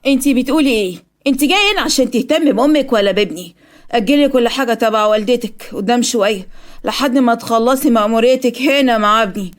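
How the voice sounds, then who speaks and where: A woman with an Egyptian accent voicing a stern, domineering middle-aged mother in a cartoon story, sharp and demanding. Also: a little high, fairly quick, pauses often, natural voice. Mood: angry.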